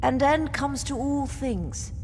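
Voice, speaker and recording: Giving a full character voice, an actress portrays a solemn, ancient spirit guardian speaking cryptic riddles ceremonially in a fantasy game. Her high voice is animated, slow and darkish. The recording has a cavernous long reverb with background noise.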